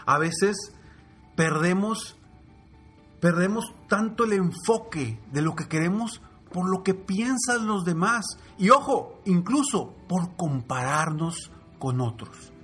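A man telling a motivational fable in a lively, repetitive way, going soft and low for the lesson. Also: takes it slowly, husky, soft background music. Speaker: motivational storyteller. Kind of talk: motivational storytelling.

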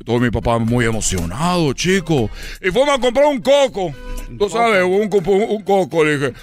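A man's voice: sits high, sing-song, moderate pace, faint music behind. A man telling a comedy story in a rambling way, repeating himself and slipping into voices.

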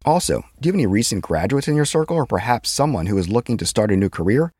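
A man's voice: very animated, fast talker, a little mellow, slightly rough, no echo, studio quality. A man hosting a scripted etiquette advice podcast, wry and playful, voice leaping up for emphasis. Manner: wry, playful delivery with sudden jumps in pitch.

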